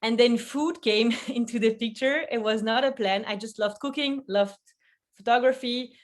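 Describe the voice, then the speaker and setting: A woman's voice: on the high side, normal speed. Chatty Belgian woman from a video call. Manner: chatty, laughs often, many restarts. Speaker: guest, food photographer. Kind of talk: casual interview conversation.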